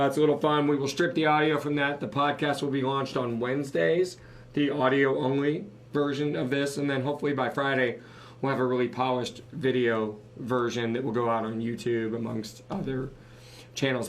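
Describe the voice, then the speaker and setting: Hoarse upbeat man co-hosting a podcast. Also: mid-range voice. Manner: upbeat, joking, running the agenda. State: losing his voice. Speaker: podcast co-host. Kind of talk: live business podcast chat.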